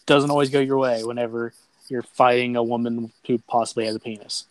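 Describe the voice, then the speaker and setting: A man's voice: medium pitch, steady tone, fairly quick, no room sound, low-quality recording. A man hosting a sports podcast in casual banter, blunt and freely profane. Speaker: podcast host. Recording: clear background noise.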